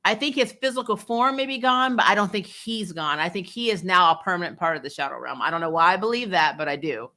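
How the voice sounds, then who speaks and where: Hosting a TV recap show, this woman casually goes over an episode and comments on it in a bright, lowish voice, moving quickly with few pauses. She's blunt and opinionated, a bit profane, and she retells scenes with animation, performing the dialogue and chuckling frequently.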